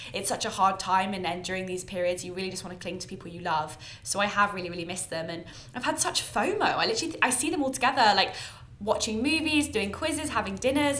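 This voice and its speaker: A woman's voice: medium pitch, a bit bright. A British woman in her early twenties hosting a chatty podcast in an effusive, self-deprecating way, recorded at home under a towel. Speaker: podcast host. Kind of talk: chatty, informal podcast monologue. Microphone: own bought podcast microphone. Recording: echoey homemade podcast recording.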